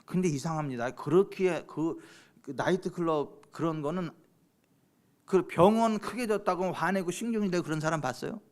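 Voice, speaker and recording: Emphatic Korean pastor preaching a sermon. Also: male voice, normal speed. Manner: addresses congregation members by name with questions; swings from loud exclaiming to low hushed tones. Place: church sanctuary.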